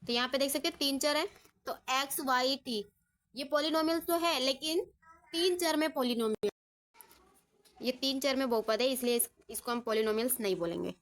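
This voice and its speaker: ऊँची आवाज़ वाली धैर्यवान महिला शिक्षिका. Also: female voice, high-pitched, normal speed, a bit bright. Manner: patient, asks and answers her own questions, says ठीक है often. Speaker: maths teacher. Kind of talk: step-by-step lesson.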